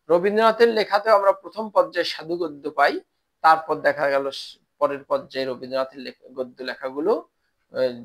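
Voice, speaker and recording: A man teaching a Bengali language class to polytechnic students, explaining step by step and pausing often with "ah" fillers. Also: fairly high pitch, a bit bright. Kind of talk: recorded online lecture.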